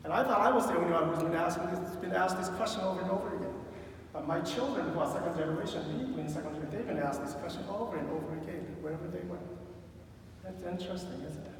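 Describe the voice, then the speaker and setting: A man's voice: high-pitched, rapid-fire, slight background noise. A middle-aged man with a Korean accent preaching a sermon in a conversational, storytelling way with wry humor and frequent fillers. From South Korea. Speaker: pastor. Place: large church sanctuary. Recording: distant, echoey church hall.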